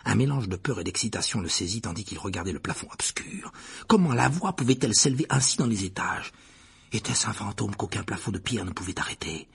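A man reading a novel aloud as narrator, with an expressive, varied delivery. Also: lowish voice, fairly quick, gravelly, slightly rough. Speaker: audiobook narrator. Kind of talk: storybook reading with character voices.

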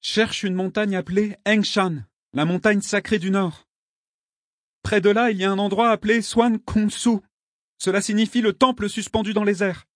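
A man's voice: sits high, fairly even intonation, moderate pace, dry recording, clean studio sound, voice pushed up, natural voice. A man reading an audiobook, voicing a sad, cryptic young woman in a raised voice. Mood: instructing. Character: young woman, wistful, gently mischievous guide.

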